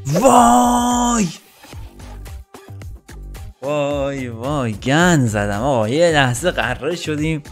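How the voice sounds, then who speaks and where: A young man commenting excitedly on his own football video game match, shouting at the players and joking with viewers. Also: mid-range voice, few pauses, faint music behind. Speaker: gaming YouTuber.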